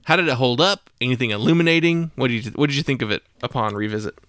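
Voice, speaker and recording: A man's voice: medium pitch, very fast, no room sound. Man, podcast host, casual chat, rambling, easy laugh, dry close sound. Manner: relaxed, rambling, laughs easily.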